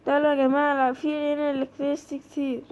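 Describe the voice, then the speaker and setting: Playing a horror game for her viewers, a woman with an Egyptian accent keeps up a running commentary and yelps whenever she's startled. She speaks rapid-fire in a high, level voice with a darkish tone, and there's slight background noise.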